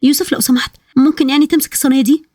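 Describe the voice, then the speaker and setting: Woman voicing a young Egyptian woman, sassy, bickering, rapid, slightly high. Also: steady tone, dark tone, no echo, clean studio sound, lightly acted. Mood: needling. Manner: sassy, quick retorts. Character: bickering young woman, sharp-tongued fiancée.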